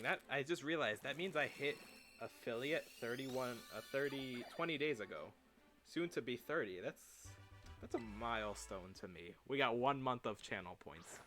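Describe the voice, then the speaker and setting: Playful young male streamer, bright voice. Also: mid-range voice. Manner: playful, chatty, reads chat aloud, frequent laughs. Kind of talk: casual livestream chat.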